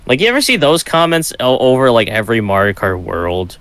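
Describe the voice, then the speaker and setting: A man chatting as a podcast guest over a remote call, with a lively, swooping voice and a bright edge. His audio cuts out and the volume is uneven. The sound is dry and close, with no room around it. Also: mid-range voice, a little fast, clear, resonant tone, no echo. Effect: audio cutting out, uneven volume. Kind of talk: casual chat.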